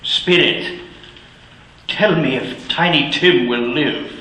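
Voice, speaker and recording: An actor playing the old miser Ebenezer Scrooge in a radio drama, pleading in anguished outbursts. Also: male voice, fairly high pitch, slow, pushed and bright, a little hiss or hum. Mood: astonished. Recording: roomy echoey recording.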